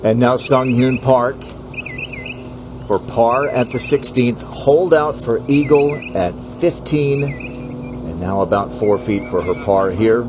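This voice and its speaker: A man's voice: mid-range voice, takes it slowly, noisy background. A man working as lead golf commentator, announcing scores and handing between holes. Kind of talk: live golf tournament commentary.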